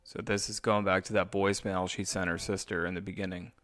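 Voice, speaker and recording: A man giving casual, excitable commentary as he reacts to a movie, blurting out reactions and swearing. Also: low voice, a little fast, faint music behind.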